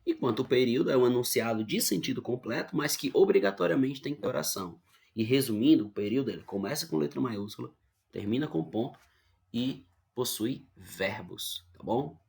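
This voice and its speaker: A man's voice: medium pitch, animated, fairly quick, creaky, a little mellow. A male teacher with a Brazilian accent giving an online grammar lesson, explaining patiently and often checking in with his students. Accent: Brazilian Portuguese.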